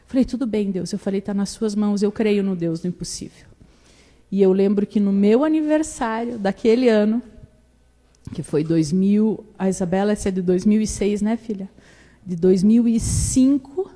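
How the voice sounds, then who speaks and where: Mellow woman in a reverberant hall. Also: medium pitch. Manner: lively storyteller acting out dialogue. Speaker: church testimony speaker. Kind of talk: personal faith testimony.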